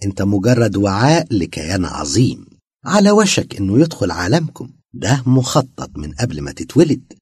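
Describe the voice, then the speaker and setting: Guy putting on a sneering possessed woman from an audio story, egyptian accent, husky and loud, dry sound. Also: fairly low pitch, big pitch swings, normal speed, no room sound, full character voice. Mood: menacing. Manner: taunting, sneering. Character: possessed woman, jinn speaking through her, mocking and cruel.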